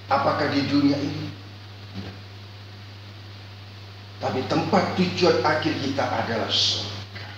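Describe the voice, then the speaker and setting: A male pastor delivering a storytelling sermon, swinging between loud calls and quiet reflection. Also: on the high side, a little slow, long pauses, dull audio. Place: church hall. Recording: echoey church hall, far mic, faint hum.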